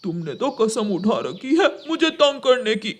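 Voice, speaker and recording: A man's voice: high-pitched, sing-song, a little slow, full character voice. A man voicing a grumpy, sarcastic male crow father who scolds his wife and son in a cartoon. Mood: angry. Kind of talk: cartoon voice acting.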